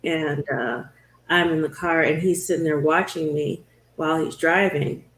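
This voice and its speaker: A woman's voice: low voice, fairly even intonation, a bit bright, reverberant, a little hiss or hum. A woman talk show host telling the story of her own illness in an earnest, conversational way. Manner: earnest, storytelling, slows down at hard moments.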